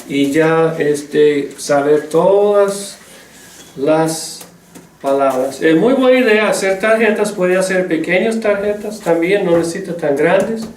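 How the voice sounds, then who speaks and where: Slow, high-voiced man teaching from afar. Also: slight background noise. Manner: patient, drawn-out drilling of word forms with frequent "ah" fillers. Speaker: Greek teacher. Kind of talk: slow spoken language lesson. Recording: echoey room, voice far from mic.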